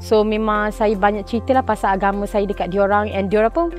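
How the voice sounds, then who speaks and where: A young woman answers interview questions outdoors in a garden, speaking into a clip-on mic. Her pitch sits in an ordinary middle range, and she talks in a relaxed, chatty way. She often pauses on "uh" and mixes in English words. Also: soft background music. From Kuala Terengganu, Malaysia. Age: young adult. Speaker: interviewee, university student.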